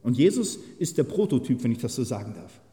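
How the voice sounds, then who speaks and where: A man preaching a sermon at a church service, emphatic and conversational, with frequent tag questions, swelling into loud proclamation when reading scripture. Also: mid-range voice, very animated, brisk, in a large hall.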